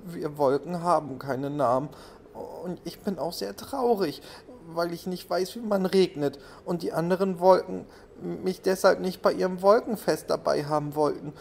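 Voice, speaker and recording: A man voicing a small, shy and sad little cloud that talks softly and sobs, in a children's bedtime audio play. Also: medium pitch, expressive, a little slow, slight background noise, lightly acted. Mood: sobbing. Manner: soft, sighing and sobbing.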